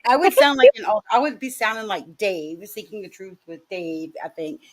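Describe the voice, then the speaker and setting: A woman's voice: mid-range voice, expressive, normal speed. A woman hosting a commentary channel, chatting casually about a court video in a blunt, profane way.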